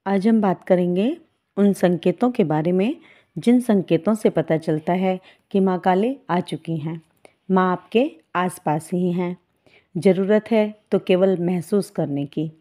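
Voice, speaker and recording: A woman giving a calm devotional talk as a spiritual guide, speaking to her followers in a motherly way and calling them children. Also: on the low side, a little slow.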